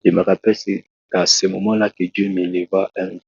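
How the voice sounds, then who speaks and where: A deep, gravelly preacher, appearing as a guest on a talk show, tells his testimony slowly and haltingly, restarting often. His voice has little pitch movement and a darkish tone, and the recording is dull, lo-fi and dry with no echo.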